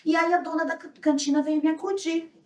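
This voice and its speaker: A woman's voice: very high-pitched, little pitch movement, a little fast, darkish tone. A Brazilian woman leading an anti-racism workshop, talking earnestly and reflectively and often tagging her sentences with a questioning "né?". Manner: earnest, reflective, tags lines with "né?". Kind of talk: workshop talk with a small group. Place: hotel auditorium. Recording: echoey room, mic at a distance.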